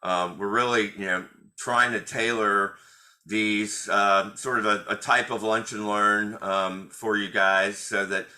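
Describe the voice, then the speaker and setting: Middle-aged male attorney host, lower pitch, bright edgy tone, halting delivery full of fillers. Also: little pitch movement. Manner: hesitant, many fillers and restarts. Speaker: attorney hosting a monthly Q&A webinar. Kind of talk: informal webinar presentation.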